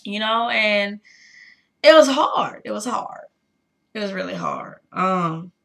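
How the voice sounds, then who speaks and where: A woman in her thirties speaking candidly to her viewers in a personal vlog, pausing often with fillers. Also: lowish voice, creaky, bright, forceful tone. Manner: halting, with many pauses and fillers; candid, addressing viewers directly. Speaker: vlogger.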